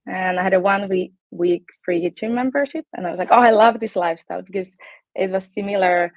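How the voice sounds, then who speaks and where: Here the voice is mid-range and a little fast, captured in a dry, dull-sounding recording. The speaker is a bubbly Finnish woman in her late twenties with a Finnish accent, chatting casually as a guest fitness coach in an interview and often laughing and saying um.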